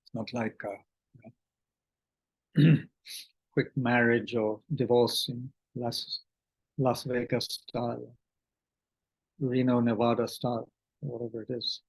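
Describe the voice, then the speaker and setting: In poor audio, a man with a mid-range voice and flat delivery teaches Buddhist meditation online. He halts often, restarts, clears his throat, and uses many fillers while reading aloud questions from the chat.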